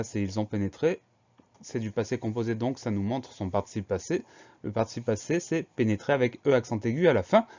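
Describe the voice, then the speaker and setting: A man's voice: on the low side, a little mellow, highs cut off. A man teaching a spelling lesson, patiently breaking words into syllables and spelling them out letter by letter.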